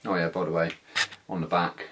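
A British man in his thirties with a deep, low voice talks through gear in a casual vlog style. His delivery is informal, slangy and a little hesitant. The indoor recording carries faint background noise and small handling clicks. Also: flat delivery, fairly quick. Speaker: motovlogger. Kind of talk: casual hands-on product walkthrough. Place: small living room, indoors.

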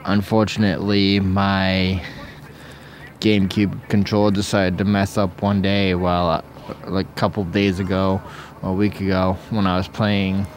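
A man hosting a Let's Play, rambling and joking with plenty of fillers over faint game music. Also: lowish voice. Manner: rambling, jokey, many fillers. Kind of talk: casual gameplay commentary.

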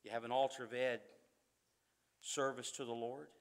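A man preaching a sermon in a church, fervent, swinging from loud emphasis to quiet asides. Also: medium pitch, flat delivery, moderate pace.

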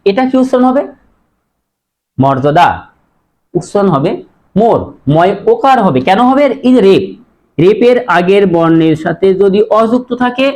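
A man's voice: high-pitched, darkish tone. A man teaching a pronunciation lesson, explaining each rule step by step with repeated examples and questions to the class.

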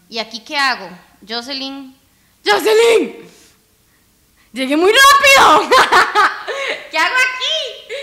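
A young woman giving excitable let's play commentary, cheering and pleading at the game and bursting into cries. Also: a little high. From Costa Rica. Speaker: gamer.

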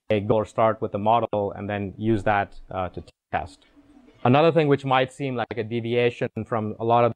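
Handheld mic in hand, a middle-aged man with a lowish voice delivers a keynote to a conference crowd in the room. His explanations are marked by repeated words and many false starts.

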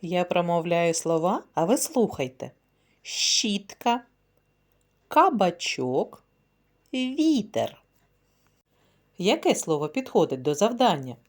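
A woman's voice: on the low side, very animated, takes it slowly, pauses often. A woman kindergarten teacher leading a phonics word game for young children, speaking in a sing-song, encouraging way.

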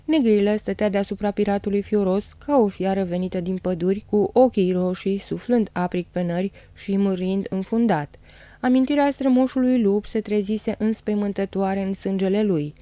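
A woman narrating an audiobook of a novel in a steady, dramatic storytelling manner. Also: mid-range voice, no room sound. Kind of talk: audiobook reading.

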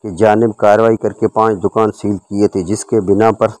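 A man's voice: lowish voice, flat delivery, a little mellow, no room sound. A male field reporter from Pakistan reading a formal news voice-over. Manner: formal, measured Urdu news delivery.

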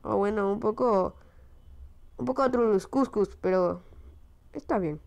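Slow, gravelly casual game commentator. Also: mid-range voice, a little mellow. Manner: jumpy, chatty, mutters reactions to scares. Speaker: gameplay commentator. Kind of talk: casual let's-play commentary.

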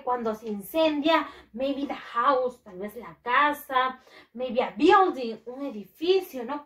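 High-voiced, slow-speaking woman teaching children. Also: echoey room, rough recording. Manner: slow drilled pronunciation, repeating each word in Spanish; praises often, voices pupil answers herself. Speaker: English teacher. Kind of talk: bilingual lesson for young children.

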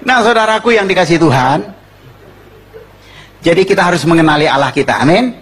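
A man's voice: on the high side, lively intonation, fairly quick, fairly bright tone. A man preaching a conversational sermon, asking the congregation rhetorical questions and telling jokey stories in a slangy, informal way. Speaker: preacher giving a testimony.

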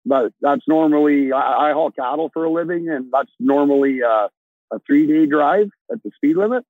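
Plain-spoken trucker on a tinny call. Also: male voice, a little high, moderate pace, dry recording. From Alberta, Canada. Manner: plain-spoken, rambling with restarts. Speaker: trucker guest. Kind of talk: casual interview over video call. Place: inside a truck cab. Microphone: earbuds on a video call. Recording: dry, tinny video call audio.

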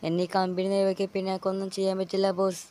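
A man's voice: high-pitched, monotone, racing, mellow, natural voice. A young man voicing a pleading, fired worker. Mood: distraught. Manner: pleading, close to tears. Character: young man just fired, anxious and desperate. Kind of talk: amateur Malayalam dub of a game short film.

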